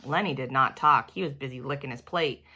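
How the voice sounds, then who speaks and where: A woman storyteller reads a children's book aloud, animated and expressive, voicing it in a childlike first person. Her bass voice moves a little fast and carries a breathy edge.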